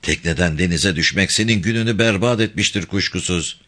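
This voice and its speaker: A man voicing a calm, wry veteran boat captain in an audiobook. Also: low-pitched, brisk. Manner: dry, amused.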